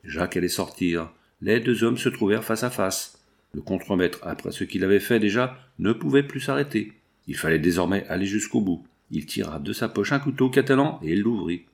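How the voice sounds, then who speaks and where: A man reading a nineteenth-century novel aloud in measured, dramatic narration. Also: fairly low pitch, animated, gravelly. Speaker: audiobook reader. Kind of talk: scripted narration.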